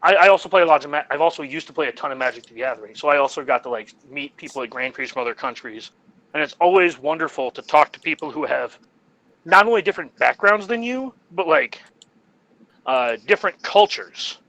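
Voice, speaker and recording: A man's voice: fairly high pitch, expressive, brisk, pushed and bright, no echo, poor audio. A man co-hosting a podcast in casual chat, rambling and jokey. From United States. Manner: rambling and jokey, laughs at his own jokes. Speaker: podcast co-host.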